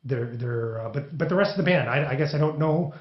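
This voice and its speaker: A man's voice: medium pitch, fairly quick. Man, podcast host, casual interview, rambling, echoey room, muffled sound. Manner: rambling, many restarts and fillers.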